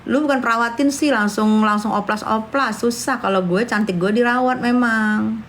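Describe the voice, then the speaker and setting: A woman's voice: fairly high pitch, moderate pace, fairly bright tone, slight background noise. A woman, chatting brashly and scornfully on a livestream, calling her viewers darling. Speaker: livestream host. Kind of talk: casual livestream chat with viewers.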